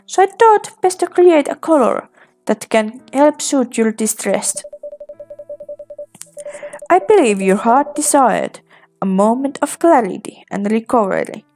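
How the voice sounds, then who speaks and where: A woman voicing a calm, humble male shopkeeper who gives kind advice in a game. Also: on the high side, a little hiss or hum. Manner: calm and gentle counsel. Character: humble kind young male color-shop keeper.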